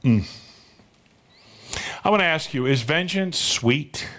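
A man's voice: on the high side, expressive, takes it slowly, a bit bright. A middle-aged male pastor preaching a sermon, telling the story and asking the congregation rhetorical questions.

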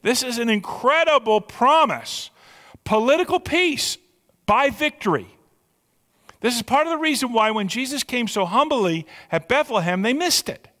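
High-pitched, animated male preacher in a hall. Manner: emphatic, slows and stretches key words; rhetorical questions to the listeners. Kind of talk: expository sermon with scripture reading. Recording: long hall reverb.

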